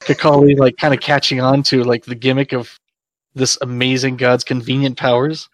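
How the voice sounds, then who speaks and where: A man's voice: mid-range voice, little pitch movement, moderate pace, no room sound. Wry man at a game table. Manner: dry, wry remarks. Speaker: player. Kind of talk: casual play chat.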